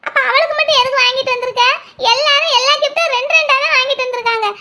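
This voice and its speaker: A jealous little girl in a cartoon whines and pleads in a very high, bright voice. She is sulky and quick to tears, and she keeps pushing for what she wants. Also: steady tone. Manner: whiny, pleading. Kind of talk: cartoon voice acting.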